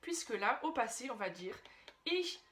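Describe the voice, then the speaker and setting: A woman teaching an online language lesson, explaining patiently, often checking in with "d'accord?" and slowing right down to spell out example sentences. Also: a little high, very animated, fairly bright tone. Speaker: German teacher.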